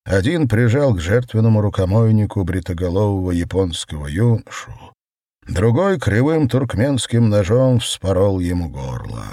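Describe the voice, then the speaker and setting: A man narrating surreal prose in a measured, theatrical audiobook reading. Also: sits low, a little mellow, no room sound, clean studio sound.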